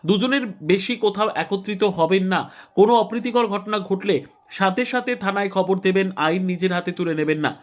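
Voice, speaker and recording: Male news reporter, high-pitched, rapid scripted narration.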